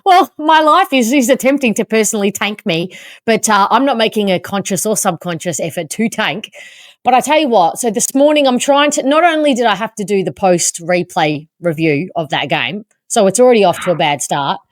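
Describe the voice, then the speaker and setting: An Australian woman hosting a podcast, telling a story in an animated, self-mocking way. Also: medium pitch, brisk, no echo, clean studio sound. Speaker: podcast host. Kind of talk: casual chat, storytelling.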